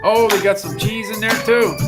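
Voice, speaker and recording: A man's voice: sits high, moderate pace, over loud music. A man hosting a live sales stream, talking casually in a rambling way with restarts. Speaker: online sales show host.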